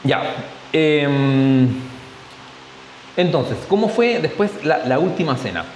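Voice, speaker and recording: Speaking slowly in a slightly high, expressive voice, a Chilean man runs a relaxed church Bible study, joking and tacking on tag questions to check in with his audience. The church hall echoes, and there's a faint hiss.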